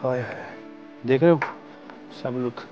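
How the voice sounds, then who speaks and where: A man chatting excitedly to camera from inside a small tent with a wood stove, slipping English words into his talk. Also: mid-range voice, a little slow, dull audio, over music. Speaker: camping vlogger. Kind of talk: casual chat to camera.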